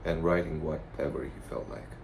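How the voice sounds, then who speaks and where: A man giving a casual, rambling vlog monologue in a blunt, profane, halting way. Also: a bass voice, vocal fry. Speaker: vlogger. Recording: noticeable background noise.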